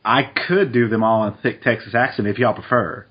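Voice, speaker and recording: Husky guy chatting on a podcast, kinda muffled lo-fi sound, relaxed. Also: fairly low pitch. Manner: relaxed, laughs easily, quick asides. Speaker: podcast co-host. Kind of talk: casual chat, reading statistics aloud.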